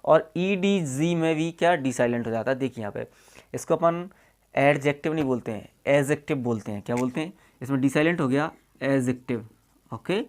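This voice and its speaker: A male teacher walks through examples at an unhurried classroom pace. He talks in a casual, everyday way, often checking in with "okay" and "see here." He spells words letter by letter and repeats each one so it sinks in. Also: mid-range voice, animated, a little mellow. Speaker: English teacher. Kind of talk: classroom-style explanation.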